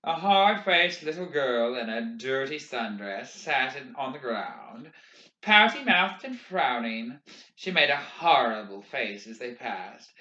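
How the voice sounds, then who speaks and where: A man reading a novel aloud in expressive, measured audiobook narration. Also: medium pitch. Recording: roomy, dull lo-fi recording.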